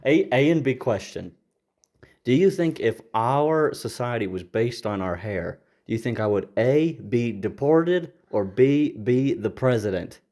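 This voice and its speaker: A man's voice: medium pitch, expressive, a little slow, darkish tone. A young man co-hosting a casual chat, teasing his friend and laughing often. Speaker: podcast co-host. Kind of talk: casual banter.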